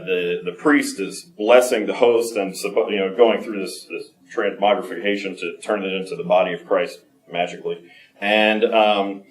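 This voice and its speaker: A man giving a candid personal talk at a conference, halting and full of fillers and restarts. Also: medium pitch. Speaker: conference speaker. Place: conference room. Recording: echoey room, mic from a distance.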